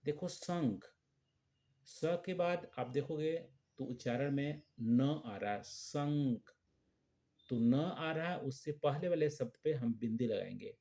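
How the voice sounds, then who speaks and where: A man's voice: mid-range voice, expressive, slow, warm tone. A man teaching young children, patiently spelling out letters and words one by one.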